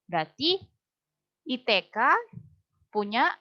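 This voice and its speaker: A woman teaching a language class, patiently repeating words slowly for her students. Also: on the high side, big pitch swings. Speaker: Mandarin teacher. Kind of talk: online Mandarin lesson in Indonesian. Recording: dull lo-fi recording.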